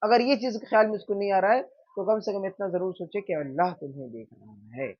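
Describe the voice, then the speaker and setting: A man teaching an informal religion class, asking questions and answering them himself, often checking in with his listeners. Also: sits high. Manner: conversational, checks in with "theek hai". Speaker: Islamic teacher. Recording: dull lo-fi sound.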